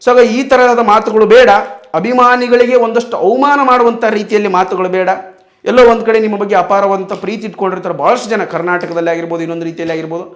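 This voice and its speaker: A man's voice: sits high, fairly even intonation, fast talker. A young man, delivering an impassioned opinion monologue as a fan, full of rhetorical questions. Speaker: fan commentator.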